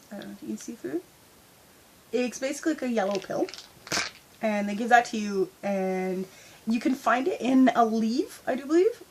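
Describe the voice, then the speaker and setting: Mid-range in pitch, she's captured roughly, with a slight hiss or hum, by a phone held at arm's length. The young woman talks from bed, congested with a head cold, telling a casual story candidly and packing in frequent fillers.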